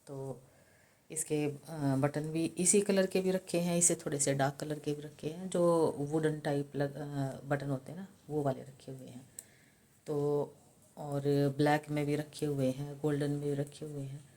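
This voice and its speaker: An older woman chatting quietly in a casual home vlog at night, speaking softly and slowly so she won't wake her sleeping husband. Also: deep voice, little pitch movement. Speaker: vlogger.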